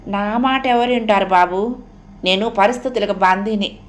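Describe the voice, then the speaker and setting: A woman's voice: medium pitch, close to an everyday voice. A woman doing a tearful pleading young maid. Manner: pleading, sobbing, slow. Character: humble weeping young maid, wife.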